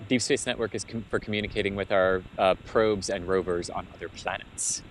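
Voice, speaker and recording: A man co-hosting with casual, informative explanations in a somewhat halting delivery. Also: low-pitched, fairly even intonation, slight background noise. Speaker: co-host explainer.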